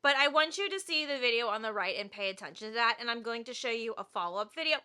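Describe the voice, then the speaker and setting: A woman's voice: a little high, lively intonation, fast, bright, forceful tone, clear, resonant tone. A young woman hosting a reaction video, ranting in an exasperated, casual way.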